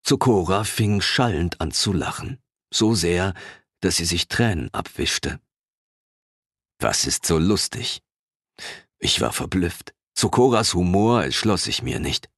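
A man narrating a fantasy audiobook in the first person, telling the story in an expressive, unhurried way. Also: low-pitched, breathy edge, no room sound, studio quality.

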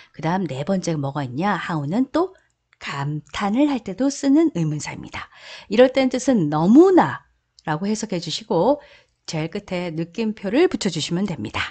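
A Korean woman teaching English grammar, reading model sentences slowly and often dropping into a whisper. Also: mid-range voice, darkish tone, husky. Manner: slow drawn-out model sentences, drops to whispers. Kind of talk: language lesson.

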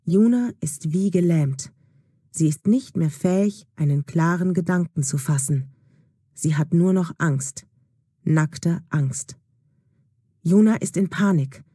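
Slow, husky woman storyteller. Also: on the low side, warm tone, dry recording, clean studio sound. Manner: slow, clear and deliberate. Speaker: narrator. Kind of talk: scripted narration for German learners.

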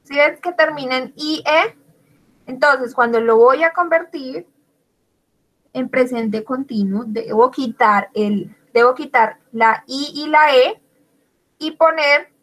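A woman's voice: high voice, slow pace, fairly bright tone, poor audio. A woman teaching an English grammar class in Spanish, spelling out words letter by letter and praising her students by name. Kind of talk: online class explaining grammar.

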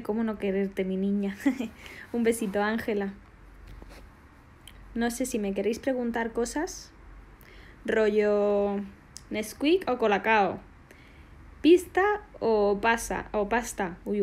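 A woman, bubbly and affectionate, casually answering fan questions on a phone live stream. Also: medium pitch. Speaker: singer doing a live stream.

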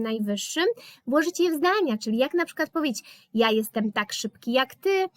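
Slow, patient woman teaching German. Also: fairly high pitch, fairly bright tone, no echo, clean studio sound. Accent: Polish. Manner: slow, patient explaining with hesitation fillers. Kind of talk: live online language lesson.

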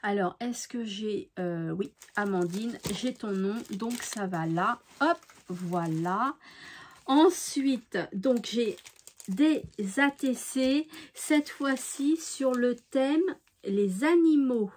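A woman's voice: a little high, expressive, slow, darkish tone. A woman hosting a craft channel, opening mail and describing each piece in an effusive, admiring way, sometimes dropping to a near-whisper. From France. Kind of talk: casual mail-opening show-and-tell.

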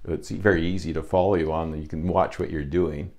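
Male vlogger, sixties, low-pitched, informal chatty delivery to camera on a lapel mic. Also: steady tone, fast, darkish tone. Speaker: vlogger testing camera gear. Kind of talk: casual chatty vlog. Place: indoor room in front of a backdrop.

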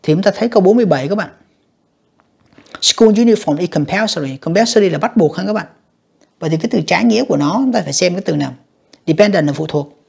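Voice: mid-range voice, expressive, fast, vocal fry, long pauses, darkish tone, husky. An English teacher, reviewing exam questions by reading each option aloud, translating it and judging it for the students. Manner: reads each English option, then translates and judges it, often addressing "các bạn".

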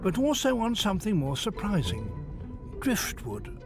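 A man narrates a nature documentary in a slightly high voice. His delivery is scripted and lively in its intonation, with clear music playing behind him. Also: unhurried. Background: background music.

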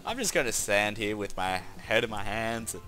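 A man casually commenting on his gameplay, rambling, giggling often and breaking into loud exclamations. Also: lowish voice, sing-song, moderate pace, faint music behind.

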